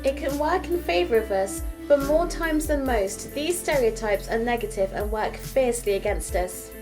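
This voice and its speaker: A woman reading a scripted documentary voice-over in a measured, formal way. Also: fairly high pitch, animated, over music. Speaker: documentary narrator.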